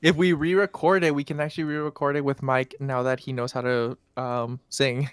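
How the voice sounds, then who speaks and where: A man's voice: mid-range voice, level tone, brisk, clear, resonant tone, no room sound, clean studio sound. Grumbling wry man in band chat. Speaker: band member. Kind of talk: casual chat.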